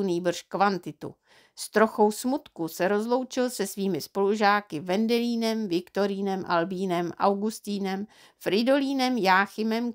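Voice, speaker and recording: A woman reading a children's audiobook aloud in a calm, measured storytelling manner. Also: medium pitch. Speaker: audiobook reader.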